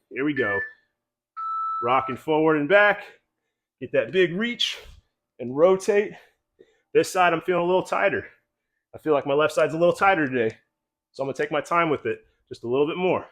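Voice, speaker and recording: Slightly breathless male mobility coach. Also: on the high side. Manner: coaching while doing the moves, calm and encouraging. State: a little out of breath. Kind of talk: guided exercise instruction.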